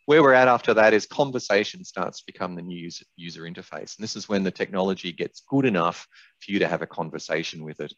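An older man with a low voice, a software expert, gives a fast, slightly bright webinar presentation with a product demo. He's in a small indoor room on a video call, and the audio sounds dull and roomy.

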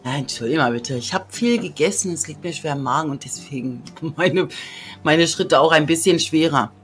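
Plaudernde Let's-Play-Spielerin mit deutschem Akzent. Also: female voice, low voice, normal speed. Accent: German. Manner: chatty, often drops into whispers. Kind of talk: casual gameplay commentary. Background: game music.

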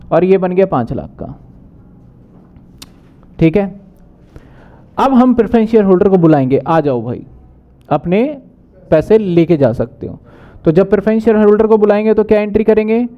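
A man teaching accounting in a brisk lecture, asking questions and answering them himself. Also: high voice, clean tone, lo-fi sound. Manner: brisk, asks and answers his own questions. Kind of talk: whiteboard lecture.

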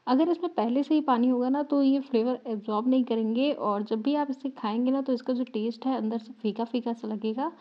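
In a voice-over, a cooking channel host patiently talks through a recipe one step at a time, explaining each stage and repeating the key points. Her voice is fairly high, and the sound is lo-fi.

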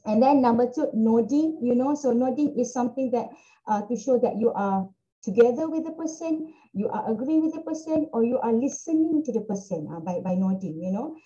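Chatty Malaysian woman lecturer, fairly high voice, video-call mic. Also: lively intonation, brisk, warm tone, muffled recording. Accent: Malaysian English. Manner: chatty, frequent "you know" fillers. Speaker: guest lecturer. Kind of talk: online webinar lecture. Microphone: computer on a video call.

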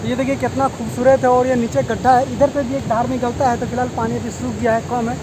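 A man's voice: very high-pitched, flat delivery. A man narrating a travel vlog outdoors, chatting as he shows viewers around a waterfall. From India. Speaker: vlogger. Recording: outdoor noise, rushing water.

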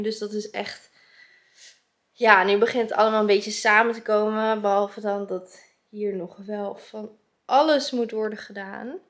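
A young adult woman with a Netherlands Dutch accent, chatting casually to camera as a vlogger and dropping in English words. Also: mid-range voice. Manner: informal, mixes in English words. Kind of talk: casual vlog chat to camera. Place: indoors in an empty shop being renovated. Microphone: camera at arm's length.

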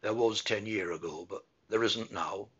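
A man voicing a gruff old male gardener with a put-on Yorkshire dialect, blunt and dismissive, in a muffled lo-fi recording. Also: lowish voice, moderate pace, voice pushed down.

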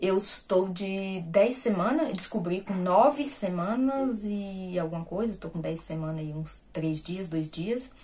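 A woman vlogger talks casually to her viewers in a voice of middling pitch, neither high nor low. She tells a personal story and acts out each exchange she retells. The tone is informal and conversational throughout. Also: measured pace, hardly any pauses, dark tone, a little hiss or hum. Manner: talks straight to viewers as "gente". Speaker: vlogger sharing personal news.

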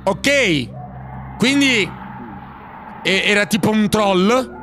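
A man with an Italian accent doing let's play commentary on a horror game, jokey and excitable, reading the game's dialogue aloud and shouting when he's scared. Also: high voice, extremely slow, a little hiss or hum. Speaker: gaming YouTuber.

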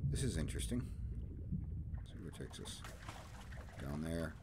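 A man's voice: very deep voice, big pitch swings, moderate pace, heavy background noise. A man giving crude, joking, rambling play-by-play commentary on his own gameplay video. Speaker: gaming video host. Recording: game music loud behind voice. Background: game music and sound effects.

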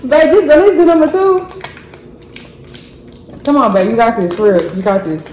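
A woman's voice: a little high, sing-song, normal speed, roomy sound, background noise. A woman on a casual couple's challenge video, counting down and cheering her partner on over and over. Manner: coaxing, counting down, repeats encouragement. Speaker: vlogger encouraging her partner.

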